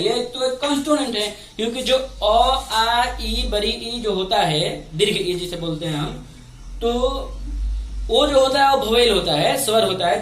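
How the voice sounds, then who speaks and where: A man teaching grammar at a board, explaining patiently. He repeats each point and asks his students questions out loud. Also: extremely high pitch. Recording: roomy echo from a distance, faint background noise.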